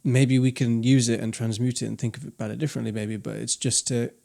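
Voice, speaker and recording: A man's voice: medium pitch, steady tone, fast, vocal fry, dark tone. Reflective man rambling on a podcast. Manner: reflective, rambling with many restarts. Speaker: podcast co-host. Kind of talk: casual chat.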